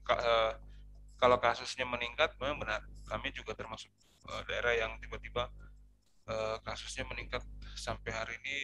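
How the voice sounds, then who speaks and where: A man speaks through a face mask, his voice bright and forceful at a middling pitch. He is chatting casually on a video call from an office. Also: flat delivery, normal speed, soft background music. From Papua, eastern Indonesia.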